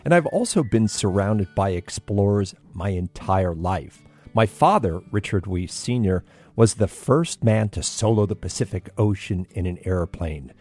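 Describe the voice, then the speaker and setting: A man hosting a podcast, reading a scripted introduction and then asking a guest questions in an earnest, measured way. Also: on the low side, lively intonation, a little mellow, soft background music. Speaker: podcast host.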